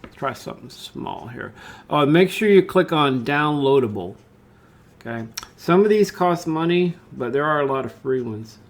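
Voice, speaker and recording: A man informally narrates a step-by-step software tutorial, thinking aloud as he demonstrates. His voice is a little high and expressive, at a normal speed.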